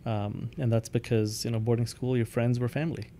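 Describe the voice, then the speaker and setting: A man's voice: medium pitch, flat delivery, fairly quick, warm tone, slight background noise. A man from India, a company founder and CEO, answering interview questions in a thoughtful way, with many ums and restarts.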